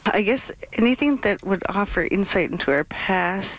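A woman's voice: medium pitch, expressive, moderate pace, no room sound, poor audio. A woman, a government archaeologist from Nunatsiavut in Canada, explaining things in a plain, thoughtful way in a phone interview.

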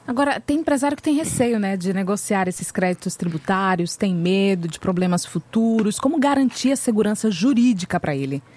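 A woman co-hosting a morning radio show, announcing songs and putting brisk questions to a guest. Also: medium pitch, expressive, darkish tone, no room sound. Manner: brisk, reads segment questions. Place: radio studio.

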